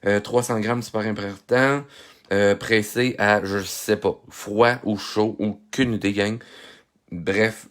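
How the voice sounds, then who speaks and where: A lower-voiced man with a Québécois accent hosts a casual live tutorial on his phone. He sounds a little stuffy from a head cold and chats loosely, full of fillers and greetings to viewers. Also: fairly even intonation, slow pace, fairly bright tone. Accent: Québécois French. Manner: chatty, greets viewers by name, many fillers. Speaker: art instructor hosting a live stream.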